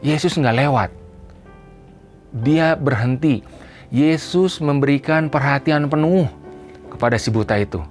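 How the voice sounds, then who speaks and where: A man preaching a sermon to a church congregation. He speaks emphatically, addresses them directly, and builds to loud, repeated cries. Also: fairly high pitch, normal speed, faint music behind. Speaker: pastor. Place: church service.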